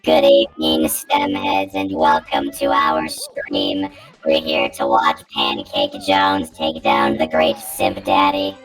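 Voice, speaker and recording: Joke bit: a male commentator puts on a very low, gravelly, slow alien host voice. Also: steady tone, fairly bright tone, faint music behind, full character voice, low-quality recording. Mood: grandiose.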